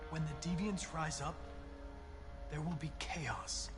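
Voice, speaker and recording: Too-smooth android detective, fairly high voice, polished and controlled, loud game music behind. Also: male voice, slow pace. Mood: calm. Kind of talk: video game voice acting.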